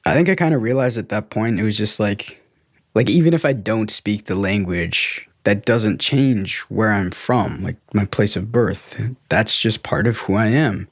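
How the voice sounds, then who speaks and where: Recorded with clean studio sound and no echo, this podcast co-host talks a little slowly in a voice on the low side. He's a young adult from the United States who was born in Guatemala, reflecting candidly and informally on his own life story.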